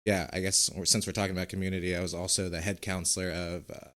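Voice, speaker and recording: Young male podcast guest, easygoing chatter, lowish voice, lots of fillers. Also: flat delivery, fast, a bit bright. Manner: laid-back, laughing, filler-heavy. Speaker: podcast guest, bar manager. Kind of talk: casual podcast chat.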